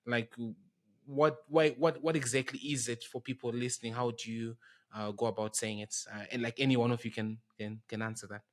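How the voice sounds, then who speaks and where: Flat-toned young male podcast host. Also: mid-range voice, a little fast. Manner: rambling, repeats "nice". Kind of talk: casual interview. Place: warm-lit room indoors. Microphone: studio microphone on a boom arm with headphones.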